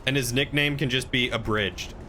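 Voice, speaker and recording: A man's voice: medium pitch, moderate pace, heavy background noise. A man giving casual, wry gameplay commentary as a streamer, playfully teasing the game's characters. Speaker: game streamer. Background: faint game sounds.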